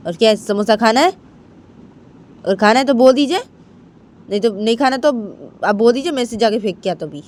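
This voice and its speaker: A woman voicing an irritable, tomboyish young woman who talks in masculine forms, loud and snappy. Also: animated, moderate pace, pauses often, slight background noise, natural voice. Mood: irritated. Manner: snappy, raised pitch and loud.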